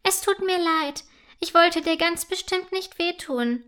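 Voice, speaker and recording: A woman voicing a tiny, cheerful young female forest elf who talks eagerly and brightly. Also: high voice, measured pace. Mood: worried.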